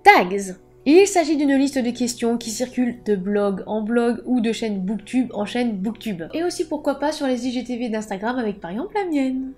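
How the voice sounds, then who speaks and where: A woman's voice: on the high side, animated, moderate pace, hardly any pauses, a little mellow, soft background music. A woman book vlogger explaining terms in a casual, playful way, with jokey asides.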